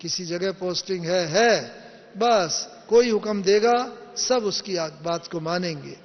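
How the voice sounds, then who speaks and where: A man with a high voice gives a slow spiritual discourse, explaining each point and quoting teachings gently. His voice carries a long reverb from a large hall. The recording sounds dull and lo-fi.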